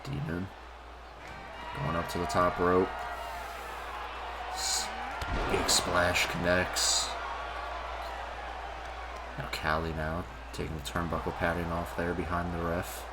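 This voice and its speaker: A man's voice: deep voice, level tone, slow, long pauses, over a noisy crowd. A man working as a wrestling commentator, calling the moves play by play in short, clipped phrases. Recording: very noisy recording.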